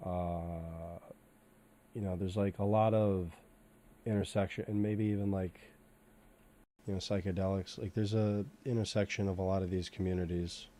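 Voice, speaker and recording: Male host, low and mellow, loose rambling chat full of fillers, casual swearing. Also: steady tone, normal speed. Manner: rambling, heavy on fillers like "you know" and "like". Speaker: host sculpting in 3D software. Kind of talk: casual chat while working.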